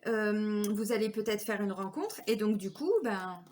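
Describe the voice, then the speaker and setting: A woman's voice: mid-range voice, unhurried, a little mellow, a little hiss or hum. A woman in her forties giving a casual spiritual card reading, chatty, with frequent fillers and laughs. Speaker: tarot and oracle card reader.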